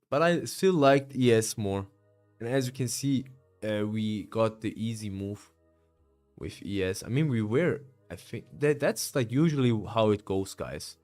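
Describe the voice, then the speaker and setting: A tired man in his late twenties streams his day trading live after a long session, casually talking through his trades and answering chat. His voice is lowish and a little mellow, full of fillers, and he calls viewers "bro."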